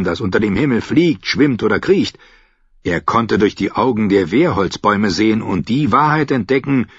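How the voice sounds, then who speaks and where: A man voicing a solemn, wise boy seer who speaks in a grave, measured way. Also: lowish voice, slightly rough, dry recording, exaggerated voice. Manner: measured, grave, slow speech. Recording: slightly dull dry recording.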